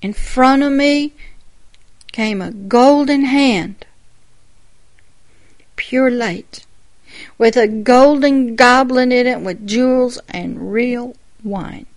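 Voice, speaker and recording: A woman pastor giving a sermon-style personal testimony, telling the story in a reflective way with quiet asides. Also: a little high, very slow, long pauses.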